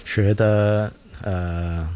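A middle-aged man from Hong Kong with a Cantonese accent in his Mandarin, giving casual interview answers in a halting way, repeating phrases as he searches for words. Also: lowish voice, fairly even intonation, warm tone, slight background noise. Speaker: interview guest, hotel administration manager.

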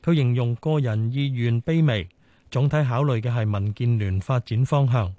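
Mellow Hong Kong Cantonese newsman. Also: medium pitch, moderate pace, no room sound. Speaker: radio news anchor. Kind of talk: scripted news reading.

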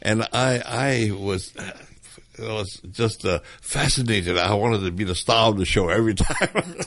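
A man's voice: fairly low pitch, lively intonation, measured pace, a bit bright, no room sound. An older man from Hong Kong, reminiscing hesitantly with many fillers in an interview. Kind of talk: oral history interview.

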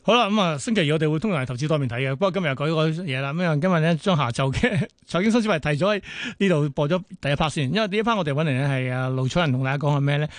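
A man's voice: on the high side, expressive, very fast, hardly any pauses, dry recording. A man with a Hong Kong Cantonese accent hosting a casual financial interview on the radio. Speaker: radio host. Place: close, dry radio studio.

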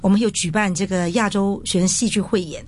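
A woman's voice: mid-range voice, steady tone, fairly quick, a little mellow. Woman with Mandarin. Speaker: school department head, guest. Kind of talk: semi-formal interview answer.

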